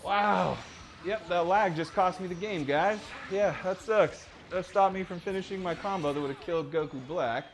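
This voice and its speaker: A man commentating live over his own ranked fighting game matches, excitable and profane, dropping to mutters and then yelping at big moments. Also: high voice, normal speed, few pauses, a little hiss or hum. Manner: excitable, swings between mutters and sudden yelps; profane trash talk at his opponent. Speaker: gaming streamer. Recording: game music loud behind voice.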